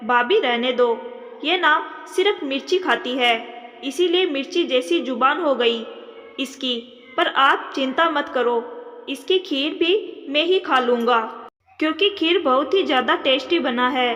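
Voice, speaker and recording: A woman's voice: sits high, unhurried, a bit bright. A woman voicing a playful young man who teases and coaxes his sister-in-law. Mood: teasing. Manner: teasing, coaxing. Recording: long reverb.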